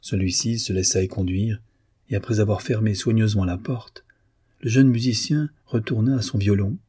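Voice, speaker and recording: A man reading a story aloud in measured, expressive narration. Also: fairly low pitch, breathy edge, no room sound, studio quality. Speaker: audiobook reader. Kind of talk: scripted narration.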